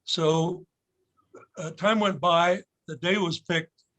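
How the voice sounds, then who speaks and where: Older male guest, anecdotal storyteller, measured delivery, slightly high register, slow pace. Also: fairly even intonation, a bit bright, low-quality recording. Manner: unhurried, measured storytelling with pauses. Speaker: audience member telling a story.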